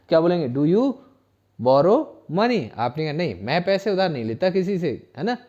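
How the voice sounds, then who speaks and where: A man with an Indian accent teaching spoken English, slowly spelling words letter by letter and repeating each phrase. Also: a little high, dark tone. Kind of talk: classroom language lesson. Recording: dull lo-fi recording.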